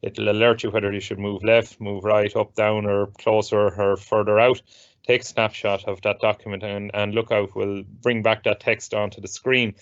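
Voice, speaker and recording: Halting man explaining in muffled audio. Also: on the low side, level tone, no echo. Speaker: presenter of an assistive technology show. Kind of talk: explanatory casual talk.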